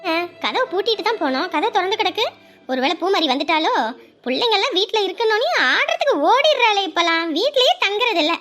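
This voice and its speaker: A steady, comforting young wife in a serial drama. Her very high voice reassures with a firm edge. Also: quick pace, faint music behind. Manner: reassuring, scolding at times. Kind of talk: TV serial acting.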